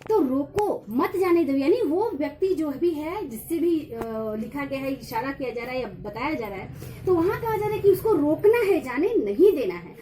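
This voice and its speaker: A high-voiced woman lecturer whose pitch swings widely as she explains. Her tone is mellow rather than bright. She talks through a revision lesson patiently and slowly repeats key phrases, with fillers between points. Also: animated. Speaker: college lecturer.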